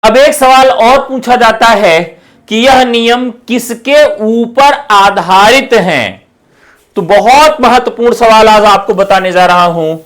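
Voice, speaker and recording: A man's voice: high-pitched, fairly bright tone. A male teacher giving an online exam-prep lesson, asking questions and answering them himself, repeating key terms for emphasis. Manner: addresses students as companions.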